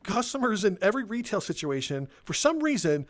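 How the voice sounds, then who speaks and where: A young man talks casually over a game, in a voice a bit higher than most men's. He rambles and sounds sardonic, swearing now and then as he tells his stories. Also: big pitch swings, fairly quick. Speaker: gaming video creator. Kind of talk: casual storytelling while playing a game.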